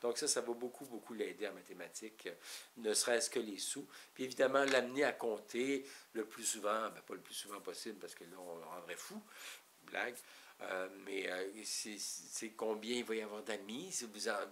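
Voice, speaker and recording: A man's voice: lowish voice, normal speed, fairly bright tone, a little hiss or hum. Rambling Québécois man teaching parents. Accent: Québécois French. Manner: rambling, explanatory, many restarts. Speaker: parenting educator. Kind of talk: informal teaching talk.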